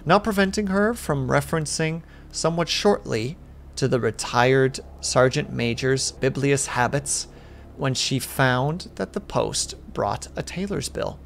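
A man streamer reading a classic horror story aloud in steady narration with small slips. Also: medium pitch, a little slow, vocal fry, a little hiss or hum.

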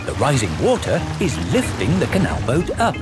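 A man's voice: mid-range voice, wildly swooping pitch, moderate pace. A man narrating a children's cartoon as a matter-of-fact storyteller, with simple declarative explanations. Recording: music behind the voice.

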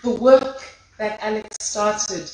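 A woman's voice: medium pitch, slow, slight background noise. A woman giving an impassioned memorial tribute speech at a podium in a large lecture hall. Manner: impassioned, rhetorical, rising in force. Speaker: memorial speaker. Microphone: podium microphone.

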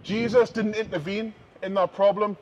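A man preaching in the open air on a city street, emphatic and repetitive, swinging between loud declarations and hushed asides. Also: sits high, steady tone, normal speed, lo-fi sound, slight background noise. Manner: emphatic, repeats key phrases, shifts between loud and hushed.

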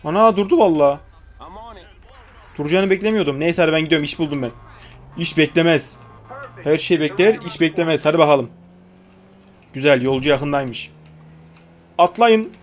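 A man's voice: fairly high pitch, fairly quick, pauses often, soft background music. A young man giving casual, joking gameplay commentary, chatting to the characters on screen and swearing lightly. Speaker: gaming YouTuber.

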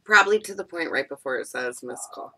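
A woman's voice: low-pitched, animated, a little fast, bright, forceful tone. A woman chatting casually and offhand as a teasing co-host on a home vlog. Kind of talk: casual chat. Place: small indoor room at home. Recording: clearly noisy home camera audio.

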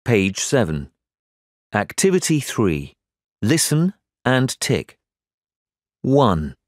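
Man, textbook audio narrator, slow measured cues, lively pitch, dry studio sound. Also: no echo. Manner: slow, clear, measured reading. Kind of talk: announcing page and activity numbers.

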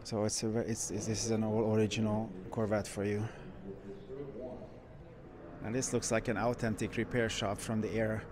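A man who runs a car shop, walking through a car museum and giving casual, enthusiastic commentary with frequent pauses. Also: on the low side, little pitch movement, a crowd in the background. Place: indoor car museum halls.

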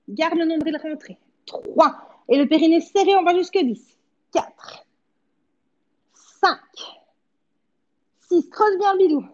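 With an extremely high, slightly mellow voice on a lo-fi recording, a woman in her thirties leads a home workout as a fitness coach, counting repetitions and giving brief encouraging cues as she exercises indoors in a living-room home studio.

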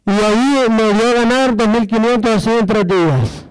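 A man's voice: high voice, normal speed, smooth, no room sound, soft background music, rough recording. A man telling his testimony in a church service, acting out the dialogue as he goes and asking the congregation rhetorical questions. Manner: storytelling, acts out dialogue, asks the audience rhetorical questions. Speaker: church member giving a testimony.

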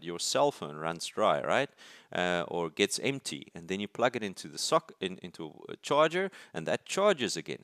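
Male engineering lecturer, very low voice, dry close sound, talking through sketches with frequent restarts and "right?" check-ins. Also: a bit bright, dry recording. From South Africa. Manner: thinks aloud, restarts words, asks "right?". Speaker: university lecturer. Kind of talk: explaining while drawing circuits. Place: at a desk, filming paper from above.

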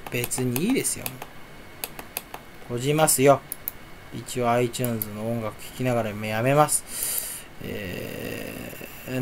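Rambling young man, pitch swinging widely. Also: a little hiss or hum. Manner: rambling self-talk, jumpy and self-mocking. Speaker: video creator. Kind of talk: casual solo chat while browsing online. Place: indoors at home at a computer. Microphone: desk or headset mic, face on camera.

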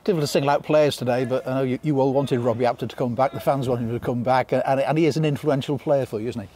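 A man's voice: medium pitch, fairly even intonation, quick pace, warm tone. A man interviewing a player after a match outdoors, asking leading questions that often end in a tag. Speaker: club interviewer. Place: outdoors at a stadium at night. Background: faint outdoor ambience.

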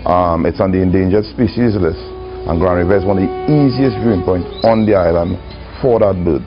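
A man's voice: sits low, a little fast, muffled recording. A middle-aged man explaining in a nature documentary interview, recorded outside a building. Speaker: local interviewee. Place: outside a visitor centre. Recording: dulled sound under prominent music.

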